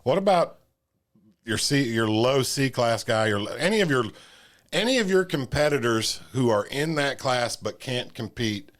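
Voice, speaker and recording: A man's voice: medium pitch, lively intonation, measured pace. A man with an Ohio accent, a guest on a podcast, talking in a laid-back, folksy way that often trails off. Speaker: shooting center general manager, guest. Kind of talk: casual interview chat.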